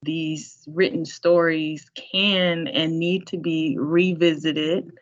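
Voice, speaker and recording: A woman's voice: deep voice, steady tone, slow pace. A woman hosting a library talk, speaking with admiring enthusiasm. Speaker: program host. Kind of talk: casual discussion on a video call. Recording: muffled lo-fi call audio.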